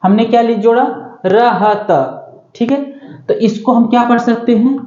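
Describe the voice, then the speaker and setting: A woman teaching a shorthand class, her voice mellow and unhurried as she goes over each point again and again. She keeps stopping to ask whether the class has understood. The sound is echoey and a little dull, like a lo-fi classroom recording. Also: on the high side, steady tone, slight background noise. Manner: slow, repetitive explaining with frequent check-ins. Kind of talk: classroom lesson at a board.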